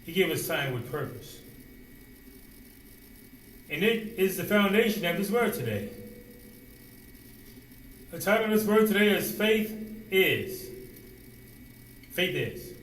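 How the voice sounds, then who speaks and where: A man preaching a sermon, asking rhetorical questions and dropping suddenly to a quiet voice. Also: high-pitched, very animated, takes it slowly, long pauses, distant mic, slight background noise. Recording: roomy echo, voice away from the mic, faint ambience.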